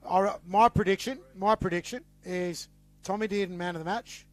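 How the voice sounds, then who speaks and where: A man with an Australian accent, hosting a casual sports podcast, talking in a teasing, animated way and repeating words as he gets going. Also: high voice, normal speed, dry recording, faint music behind. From western New South Wales. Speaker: podcast host.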